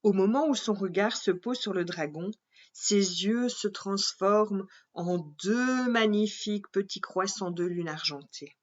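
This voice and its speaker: A woman reading a children's story aloud in a gentle, expressive way. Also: medium pitch, a little slow, highs cut off.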